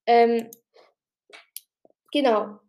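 Chatty, rambling woman with a high voice. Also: steady tone, mellow. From outside Germany. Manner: chatty and rambling, with many fillers and restarts; says she talked a bit fast. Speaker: podcast host giving tips. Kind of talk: casual spoken explanation.

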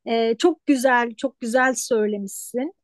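A woman's voice: on the high side, normal speed, no room sound, studio quality. A woman hosting a casual interview, asking her guest questions. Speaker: host, interviewer.

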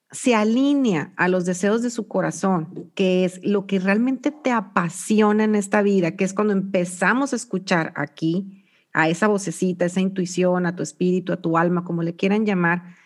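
A woman with a Mexican accent hosting an interview, speaking warmly and reflectively about following one's heart. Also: medium pitch. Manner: warm, reflective, talks of intuition and the heart. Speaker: interview host.

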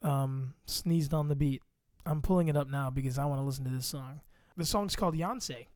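A man's voice: medium pitch, quick pace, darkish tone, no room sound. A young man co-hosting a casual podcast. He jokes, teases and drops silly mock raps into a close microphone. The sound is dry. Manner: joking, playful trash talk and mock rapping. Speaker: podcast co-host. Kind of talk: casual chat. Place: home room at a computer.

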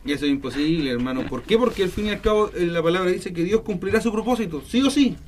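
A man's voice: sits high, expressive, quick pace. Rambling man chatting about faith. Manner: rambling, many fillers and restarts. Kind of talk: casual faith chat.

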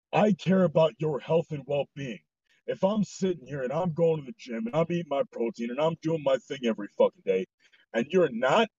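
A man with a slightly high, breathy-rough voice rants bluntly, swearing at every turn as he hosts a podcast. The sound is dry and muffled, like an online voice call with no room around it. He comes across as heated and unfiltered. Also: a little mellow, no room sound. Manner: heated, swears heavily, ranting. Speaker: podcast host. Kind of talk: blunt, profane casual chat. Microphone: voice chat mic.

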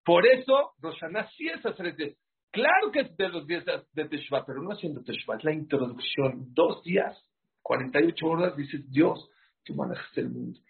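A man giving an animated sermon, full of rhetorical questions to his listeners. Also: a little high, normal speed, breathy edge. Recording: muffled lo-fi sound.

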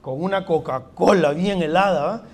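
A man's voice: sits high, normal speed, a little mellow. A man in his forties with a Salvadoran accent, preaching a sermon with humor and many rhetorical questions. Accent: Salvadoran Spanish. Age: 40s. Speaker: pastor.

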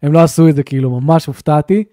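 Man, casual podcast chat, animated storyteller, slightly high voice, dry close sound. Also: dry recording. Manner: animated storyteller, acts out scenes. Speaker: podcast co-host.

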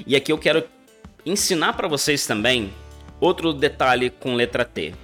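A Brazilian man in his thirties with a Brazilian Portuguese accent, hosting a chatty podcast pronunciation lesson and slowing down to model English phrases. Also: medium pitch, expressive, fairly bright tone. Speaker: English teacher, podcast host. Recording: faint guitar music behind the voice.

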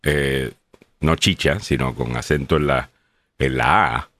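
A man's voice: rumbling low, takes it slowly, fairly bright tone, dry recording. A man with a Puerto Rican Spanish accent co-hosting a podcast, chatting casually and joking as he reads out listener comments, with lots of fillers. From Puerto Rico. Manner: joking, rambling with many fillers. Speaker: podcast co-host.

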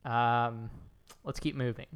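A man's voice: medium pitch, flat delivery, takes it slowly, clear, resonant tone, muffled recording. A man co-hosting a podcast from his bathtub, joking through casual banter, his voice ringing with an echo like an indoor swimming pool. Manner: jokey, playfully absurd banter. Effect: echoey bathtub sound, like an indoor swimming pool. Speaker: podcast co-host. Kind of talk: casual chat. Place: inside his bathtub at home. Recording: echoey tiled-bathroom recording.

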